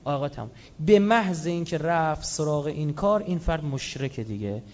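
A man delivering a lively religious sermon, switching between recited scripture and casual, joking asides. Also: on the high side. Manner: animated, with Quranic quotes and colloquial asides. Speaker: religious speaker. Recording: slightly dull lo-fi sound.

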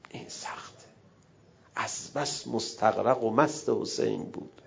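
A middle-aged man preaching a sermon, emotive, dropping to a hush and rising loud as he acts out quoted dialogue. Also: mid-range voice, creaky, breathy edge, whispered, dull audio. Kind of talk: religious sermon.

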